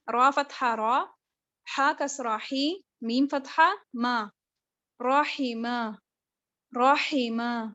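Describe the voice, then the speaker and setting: A high-pitched woman with a Pakistani accent leads an online recitation class. She breaks each word into syllables and repeats them slowly and patiently. Her voice comes through a dull, lo-fi video call line. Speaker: Quran recitation teacher. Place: home room on a video call. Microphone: video call mic.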